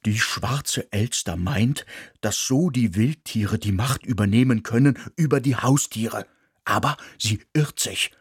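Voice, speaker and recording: A man's voice: mid-range voice, a little slow, husky, no room sound, clean studio sound. A man voicing a male dog who speaks earnestly and insistently. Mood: urgent.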